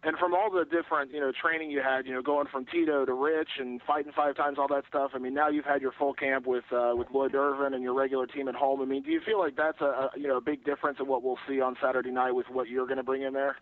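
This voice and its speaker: A man's voice: medium pitch, flat delivery, fast talker, hardly any pauses. A man working as a reporter, asking long conversational questions on a media conference call over the phone. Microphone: telephone. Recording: dry narrow telephone line.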